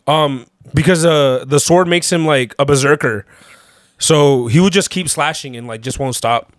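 Young man, excited podcast chatter, fairly high voice, dry close sound. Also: normal speed, no room sound. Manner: excited, laughing, slangy. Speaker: podcast co-host. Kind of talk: casual chat.

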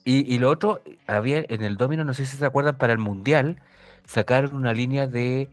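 A man with a Chilean accent, co-hosting a casual podcast chat, making his point haltingly with many restarts. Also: mid-range voice, no room sound, soft background music. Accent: Chilean Spanish. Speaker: podcast co-host.

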